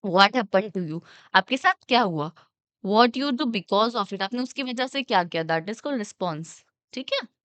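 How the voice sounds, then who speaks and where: A young woman teaching an exam-prep lesson, her voice smooth and resonant, recorded close and dry. She reads definitions slowly and acts out everyday examples, checking often that students follow. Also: mid-range voice, a bit bright, no room sound. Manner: explains with acted everyday examples, often asks "okay?". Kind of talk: exam-prep lecture mixing Hindi and English.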